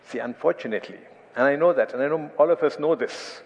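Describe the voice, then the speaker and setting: A man with an Indian accent preaching a sermon, emphatic and repeating key phrases slowly for weight. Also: fairly high pitch, a little mellow, long reverb tail, rough recording.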